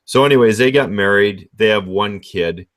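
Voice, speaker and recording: A man's voice: fairly low pitch, normal speed, fairly bright tone. A man telling a story in a casual, rambling, frank conversational way.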